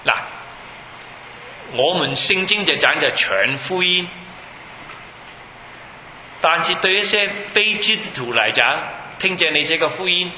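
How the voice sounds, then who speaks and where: A man preaches to a congregation, his high, piercingly bright voice ringing through a long, echoey hall. He presses his points hard and keeps firing questions at the listeners. A faint hum sits under the recording. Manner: emphatic, keeps asking the audience questions. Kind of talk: sermon with Bible teaching.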